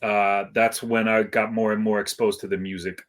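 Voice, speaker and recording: In a casual interview, a middle-aged hip hop DJ who relocated from Iceland to California at age seven speaks in a reflective, hesitant, slangy, meandering way. His fairly low voice shows little pitch movement and keeps a moderate pace.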